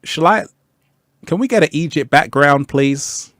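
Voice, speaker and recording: Male livestream host, unhurried and easygoing, repeats lines, dry close mic. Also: fairly high pitch, a bit bright, no echo. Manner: laid-back, laughs often, repeats phrases, sudden whoops. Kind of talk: live stream chat, reading comments.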